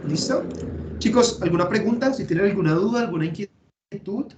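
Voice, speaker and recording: A man with a Colombian accent and a fairly high-pitched voice teaches an online class through his computer mic. He explains each step slowly and patiently, thinking aloud as he goes. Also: animated, background noise. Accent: Colombian Spanish. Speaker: English teacher.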